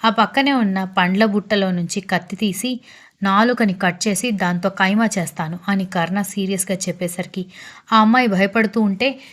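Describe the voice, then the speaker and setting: A woman storyteller reading a romance story aloud in a calm, even way. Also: medium pitch, moderate pace.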